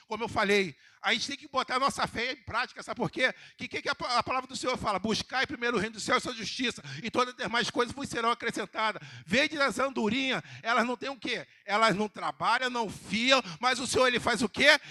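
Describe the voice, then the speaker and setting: A man with a Brazilian Portuguese accent preaching a sermon to a congregation, questioning them, building to emphatic calls, then quoting softly. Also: very high voice, a little fast, dry recording, studio quality. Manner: rising to emphatic calls, then dropping to soft quoted words.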